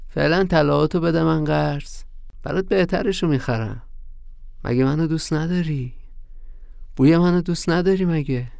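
Audio story: a man voicing a scheming, jealous young man, gravelly and pushed higher than his own voice. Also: darkish tone, dry recording, clean studio sound. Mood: wheedling. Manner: urgent, wheedling, then bitter inner muttering. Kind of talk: audio drama reading.

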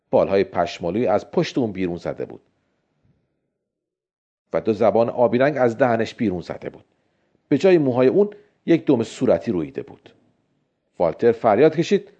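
Man narrating a story, dull lo-fi sound. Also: warm tone. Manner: voices the characters with raised pitch. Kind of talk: scripted narration of a scary children's story. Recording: dull lo-fi recording.

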